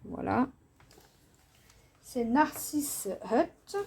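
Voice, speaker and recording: A woman from France hosting a casual craft vlog, taking her time over each item. Her voice sits a bit high but sounds soft and mellow. She hesitates often, filling gaps with small fillers as she goes. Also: expressive, gravelly, husky. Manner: unhurried, hesitant with many fillers. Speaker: craft channel host. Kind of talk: casual show-and-tell vlog.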